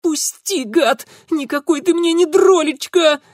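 A man's voice: extremely high pitch, a little slow, darkish tone, no room sound, clean studio sound, voice pushed up. A man voicing a frightened but defiant young working girl who cries out in a strained voice, in an audiobook reading. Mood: desperate. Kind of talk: audiobook character voice.

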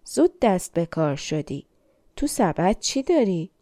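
A woman's voice: on the low side, sing-song, warm tone, no echo, studio quality. A woman voicing a nosy old woman in a storybook tale, speaking with a sly, teasing lilt.

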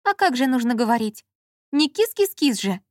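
Женщина в аудиокниге озвучивает молодую капризную обидчивую героиню жалобным высоким голосом. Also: female voice, big pitch swings, normal speed, no echo, studio quality. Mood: plaintive. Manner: plaintive, pouting, high-pitched. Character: young woman Lola, fussy, whiny and touchy. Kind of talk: audiobook character reading.

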